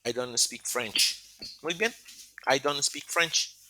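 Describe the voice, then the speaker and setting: Over a computer mic in a virtual session, a man with a Latin American Spanish accent teaches a beginner English class in Spanish, his medium-pitched voice pushed and bright with a little hiss or hum. He explains slowly and patiently step by step, checking in with "ok?" and frequently correcting himself, restarting mid-word or mid-sentence.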